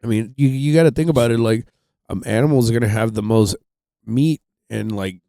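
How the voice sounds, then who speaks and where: A man's voice: mid-range voice, a little fast, dark tone, no echo, studio quality. A man telling a rambling, profane story on a casual podcast, full of fillers. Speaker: podcast host.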